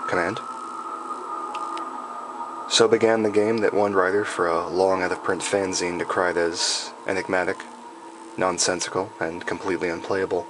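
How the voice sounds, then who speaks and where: A man reading a scripted horror story in a measured, deliberate and ominous storytelling manner. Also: low-pitched. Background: background music.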